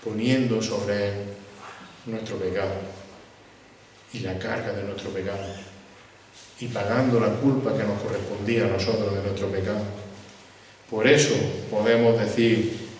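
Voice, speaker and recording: A man preaching an expository sermon, measured and slowing to stress key words. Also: on the low side, steady tone. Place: church hall. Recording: echoey hall from far off, faint noise.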